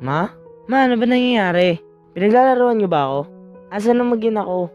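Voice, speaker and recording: A woman's voice: fairly low pitch, fairly even intonation, a little fast, mellow, lo-fi sound, faint music behind, lightly acted. A woman voicing an anxious young husband and new father who fires off urgent, pleading questions.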